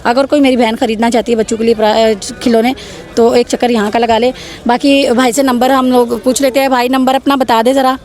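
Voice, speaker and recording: A woman's voice: fairly high pitch, fairly even intonation, brisk, darkish tone, faint music behind. A woman with a Pakistani accent hosting a market vlog outdoors, selling the goods to viewers in repetitive patter that urges them to come and buy. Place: outdoor street bazaar.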